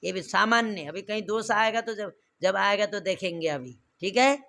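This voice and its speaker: A man's voice: sits high, moderate pace, vocal fry, sharp tone. A man teaching Sanskrit grammar to a class, repeating verb forms and quizzing students with questions.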